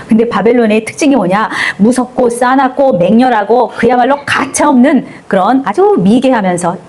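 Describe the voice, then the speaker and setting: A woman's voice: on the high side, darkish tone. A woman preaching a Bible-teaching sermon at a church service, talking conversationally and acting out the people she quotes with rhetorical questions.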